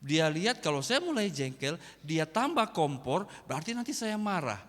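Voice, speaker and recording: A man's voice: a little high, very animated, moderate pace, fairly bright tone. A man with a Kupang accent preaching a sermon in a church, emphatic and slipping into local slang. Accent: Kupang Malay. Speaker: pastor. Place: church hall. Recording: echoey church hall.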